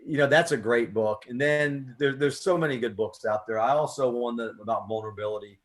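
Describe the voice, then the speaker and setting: A medium-pitched, brisk male voice: an American poet and radio host of a poetry show, musing in casual, heartfelt conversation. He frequently repeats words while thinking aloud.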